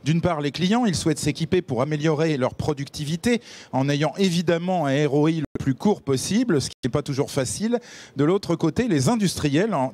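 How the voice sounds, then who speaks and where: A man's voice: fairly high pitch, a little mellow. A man hosting a televised panel debate, formally introducing each guest with his title. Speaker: debate host. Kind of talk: broadcast panel moderation. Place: TV studio set.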